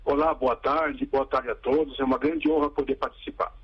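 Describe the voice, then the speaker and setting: A man's voice: mid-range voice, fairly even intonation, brisk, breathy edge. A man, a pharmacist guest explaining his field hesitantly with many fillers and restarts, heard over a crackly, breaking phone line. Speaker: interview guest, pharmacist and acupuncture specialist. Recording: muffled crackly phone call.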